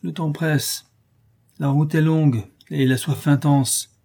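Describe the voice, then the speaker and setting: A man's voice: fairly high pitch, fairly even intonation, slow pace, creaky, warm tone, voice pushed up, heavily acted. A man voicing an impatient bandit who speaks curtly with a growl. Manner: growling, curt.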